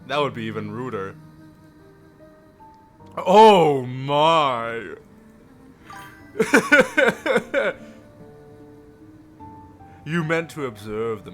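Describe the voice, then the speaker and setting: A man livestreams a visual novel, reading it aloud with theatrical flair and breaking off for playful, jokey asides. His mid-range voice has a fairly bright tone, with faint music behind it.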